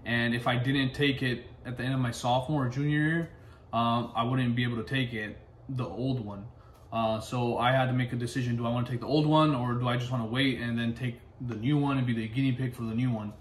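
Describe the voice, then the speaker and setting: Relaxed and full of fillers, a young medical resident shares personal stories to a camera set up in front of him while he sits indoors in his living room, talking with his hands. He comes from Pakistan but grew up in the United States. Medium-pitched and fairly quick, his voice carries through an echoey room with slight background noise.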